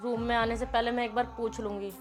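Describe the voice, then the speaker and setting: A woman's voice: on the high side, level tone, quick pace, soft background music, close to an everyday voice. A woman playing a humble housemaid who defends herself in a meek, pleading way. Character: humble young female housemaid, hurt but firm. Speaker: maid. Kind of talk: short film acting.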